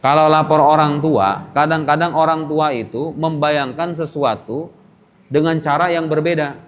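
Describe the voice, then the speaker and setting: Lively high-voiced male religious teacher. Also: big-room sound, slight background noise. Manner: lively, acts out parents and children in quick little voices. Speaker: teacher of a boarding school. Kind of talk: religious lesson to students. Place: mosque.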